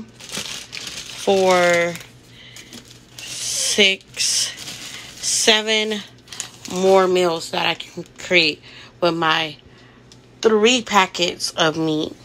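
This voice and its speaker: A woman's voice: mid-range voice, a bit bright, a little hiss or hum, rough recording. A woman vlogging casually on a handheld phone in a large indoor gym. She is chatty, laughs at herself and swears casually. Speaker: lifestyle vlogger. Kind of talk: casual vlog talk to camera. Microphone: handheld phone close up.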